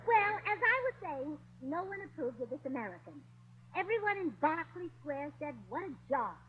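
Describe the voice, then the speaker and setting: A woman's voice: high-pitched, big pitch swings, normal speed, very noisy. A woman playing a scatterbrained American wife who fakes a posh English manner, with chirpy muddled slang in 1940s radio comedy style. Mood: giddy. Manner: chirpy, muddled fake English with blimey and governor.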